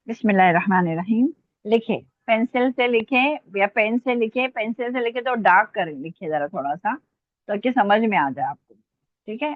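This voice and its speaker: Woman teacher dictating slowly over a tinny line. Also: fairly high pitch, dry recording. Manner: slow, deliberate dictation, spelling out letters. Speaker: Urdu teacher. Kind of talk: online language lesson dictation. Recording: tinny phone-like line, dry.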